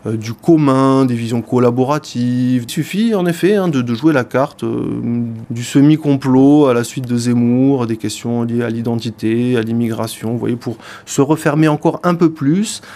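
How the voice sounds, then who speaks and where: A man's voice: mid-range voice, moderate pace, hardly any pauses, dark tone. A man giving a radio book review in speech, hesitant, full of fillers and repeated words. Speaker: radio columnist.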